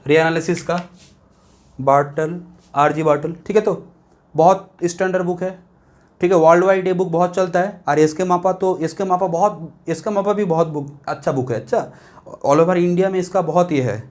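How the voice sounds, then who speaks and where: A man with a notably high voice gives a math lecture to students. He explains step by step and keeps checking whether they are following along. When he reads English passages from a textbook, he slows right down and reads them word by word. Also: a little mellow. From India. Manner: explains step by step, checks understanding with repeated questions; reads English text from a book very slowly and word by word. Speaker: math teacher. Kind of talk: classroom lecture.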